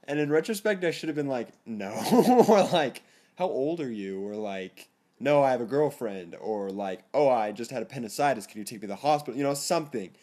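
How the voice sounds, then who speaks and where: A teenage boy telling a story to his camera in a casual vlog, rambling and self-conscious, often laughing and jumping into a higher, excited voice. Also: fairly quick. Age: teens. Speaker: vlogger.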